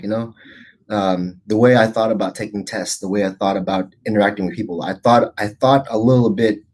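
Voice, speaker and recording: A Philippine-born man in his forties hosts a casual livestream show, rambling and chatty with lots of fillers and restarts. His voice is husky, on the low side and darkish in tone.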